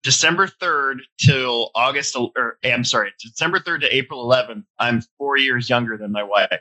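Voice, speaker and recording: A man in his forties hosts a casual hobby podcast from home, his nose a bit stuffy and his talk loose and wandering. He speaks at a moderate pace in a medium-pitched, bright, forceful voice, on a low-quality recording.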